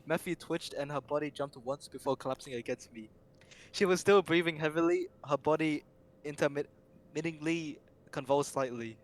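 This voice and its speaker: A man's voice: a little high, moderate pace. A young man narrating an amateur comedic reading aloud, often stumbling over words and breaking into laughter.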